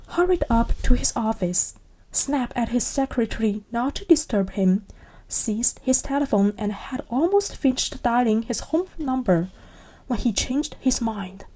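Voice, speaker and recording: A young woman reading a novel aloud in a soft ASMR style, hushed and partly whispered. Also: a little high, slightly rough, low-quality recording. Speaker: narrator.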